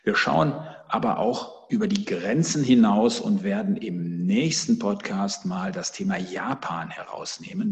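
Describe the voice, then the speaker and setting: A man's voice: fairly low pitch, creaky, a little mellow, long reverb tail. A man co-hosting a podcast with conversational market commentary, explaining with emphatic wording. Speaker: finance podcast co-host.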